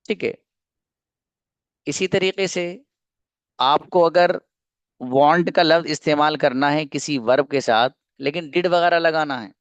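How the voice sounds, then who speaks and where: A man teaching English grammar in an online class, patiently explaining and slowly repeating example sentences, using Urdu-flavored Hindi. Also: mid-range voice, smooth, no room sound, highs cut off.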